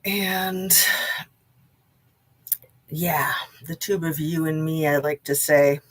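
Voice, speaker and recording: A woman's voice: low voice, fairly even intonation, takes it slowly. A woman hosting a casual live true crime stream, chatting to viewers in a rambling way, her diction slightly impeded by braces and wax in her mouth.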